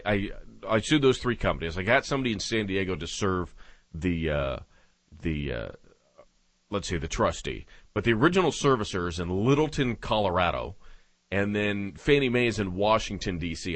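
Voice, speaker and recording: Dry close mic, male radio host, lowish voice, unscripted, hesitant, trailing off. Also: fairly bright tone, no echo. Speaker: radio talk show host. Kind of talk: unscripted talk radio monologue.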